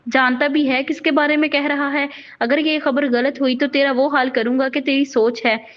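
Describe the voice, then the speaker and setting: A woman's voice: sits high, fairly even intonation, normal speed, close to an everyday voice. A woman reading the part of an angry, possessive rich young man in a storybook novel, with a commanding, menacing manner. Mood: furious. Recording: dull lo-fi recording.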